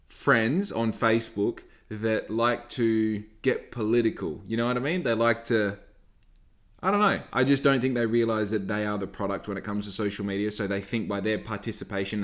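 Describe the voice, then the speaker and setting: A young Australian man hosting a solo podcast, ranting sarcastically and swearing freely. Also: lowish voice. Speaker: podcast host. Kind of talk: casual solo podcast rant.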